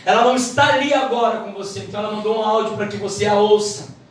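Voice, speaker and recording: A woman giving a church Bible lesson, quick and emphatic in her delivery. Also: mid-range voice. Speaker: Bible teacher. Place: church hall. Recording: echoey hall, mic from far off.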